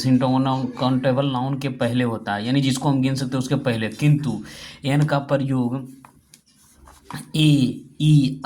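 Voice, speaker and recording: A man's voice: medium pitch, darkish tone, slight background noise. A man teaching English grammar, repeating himself and spelling words out letter by letter. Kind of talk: spoken grammar lesson.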